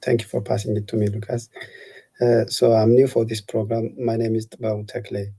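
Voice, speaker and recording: Man, husky and mellow, earnest halting intro over a call. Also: lowish voice, little pitch movement. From Ethiopia. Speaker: workshop participant. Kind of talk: casual self-introduction on a video call.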